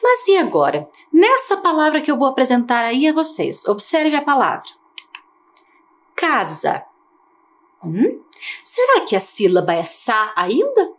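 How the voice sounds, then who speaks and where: A woman teacher from Brazil giving a televised lesson to young children, slow and coaxing, asking many questions. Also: high voice, wildly swooping pitch. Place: TV studio.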